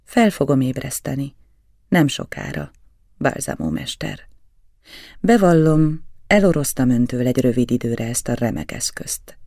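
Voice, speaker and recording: A calm, mysterious aristocratic man speaks quietly and gently but firmly, as a man reading the storybook plays him. The tone is mellow with a gravelly grain, and the sound is dry. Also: medium pitch, no echo. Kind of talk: audiobook reading.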